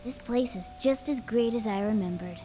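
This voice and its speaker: A woman's voice: a little high, normal speed, mellow, close to an everyday voice. A woman voicing a friendly young female companion in a game, cheerful and chatty. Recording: game audio with background music.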